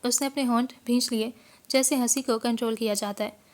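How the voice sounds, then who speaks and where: A woman with a somewhat high voice reads a romance novel aloud as an audiobook. Her narration is measured and expressive, carrying the story at an even storytelling pace.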